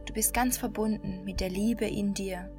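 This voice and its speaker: A woman guiding a meditation in a slow, calm, soothing hypnotist-like manner, with long pauses between short phrases. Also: mid-range voice. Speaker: meditation guide. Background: new-age music.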